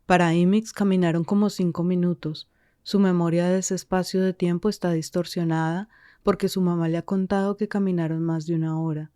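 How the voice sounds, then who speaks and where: A woman reading scripted podcast narration in a measured, calm way. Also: lowish voice, clear, resonant tone, no room sound, clean studio sound.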